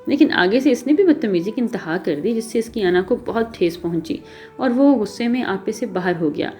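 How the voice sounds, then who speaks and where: A woman narrating an episodic novel in a steady storytelling manner. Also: on the high side, faint music behind.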